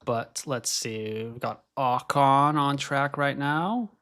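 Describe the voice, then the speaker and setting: Hosting a laid-back live stream, a young Scottish-born man with an American accent chats while watching qualifying. He speaks slowly in a medium-pitched, slightly bright voice.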